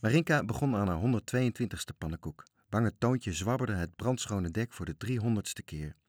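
A man reading a children's story aloud, telling it in a lively way. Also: on the low side, normal speed, no echo, clean studio sound. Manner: lively, animated storytelling with voices. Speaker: narrator.

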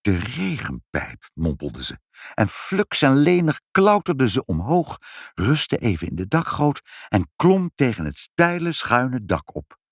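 Man reading a children's story, husky. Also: medium pitch, a little slow, dry recording, clean studio sound. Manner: expressive, animated.

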